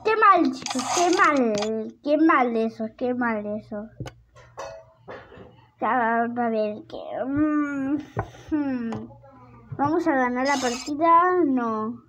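A young girl giving casual gameplay commentary as she plays, excitable and prone to squealing with surprise. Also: high-pitched, slow pace. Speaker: gameplay video host. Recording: lo-fi recording with clear background noise.

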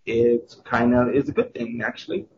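A man's voice: mid-range voice, very animated, normal speed, gravelly, husky, highs cut off. A young man from Quebec, Canada, working at a café, answering interview questions hesitantly with many restarts, recorded outdoors. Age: young adult.

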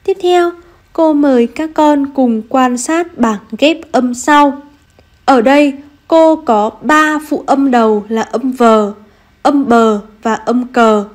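A woman teacher giving an online reading lesson to first graders, speaking gently and spelling out each sound slowly and clearly. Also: high-pitched. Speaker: primary school teacher.

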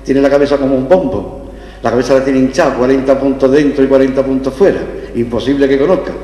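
A man's voice: mid-range voice, steady tone, fast, mellow, lightly acted. A man with an Andalusian accent voicing a blunt bullring impresario, colloquial and comically exaggerating, in a stage anecdote. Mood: grimly comic. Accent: Andalusian Spanish. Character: blunt male bullring impresario reporting bad news. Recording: echoey hall with long reverb.

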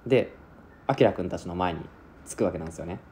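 A man's voice: low voice, fast, mellow, slight background noise. A man recapping an anime plot in a chatty, casual way, acting out lines as he goes. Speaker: anime reviewer.

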